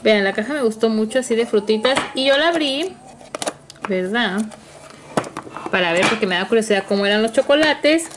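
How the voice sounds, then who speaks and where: A woman's voice: medium pitch, slight background noise. A young woman with a Mexican Spanish accent, chatting affectionately to her viewers in a casual home vlog, laughing often. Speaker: vlogger. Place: home indoors. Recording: music playing underneath.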